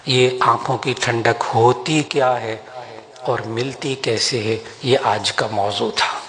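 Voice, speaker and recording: Older man preaching in a reverberant hall. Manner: animated, rises in pitch for emphasis, slows for Quranic prayers. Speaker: religious scholar giving a talk. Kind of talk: Urdu sermon to an audience. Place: large hall with an audience. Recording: long hall reverb, faint background noise.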